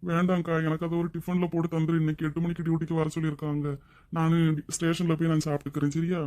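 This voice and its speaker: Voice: medium pitch, little pitch movement, very fast, warm tone, dry recording, close to an everyday voice. A voice actor playing a grateful young policeman and devoted younger brother in a cartoon drama, speaking in an earnest, emotional way. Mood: hurried. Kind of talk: Tamil cartoon drama voice acting.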